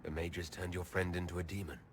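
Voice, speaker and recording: An actor playing a steady, supportive, plain-spoken male elven leader in a video game drama. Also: sits low, a little fast, a little hiss or hum, lightly acted.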